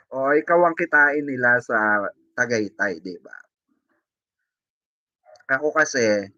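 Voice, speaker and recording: A man's voice: mid-range voice, sharp tone, no echo. A man hosting a teasing live gossip chat, reading viewer comments with frequent tag questions and playful sing-song remarks. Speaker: showbiz gossip vlogger. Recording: dull, muffled lo-fi sound.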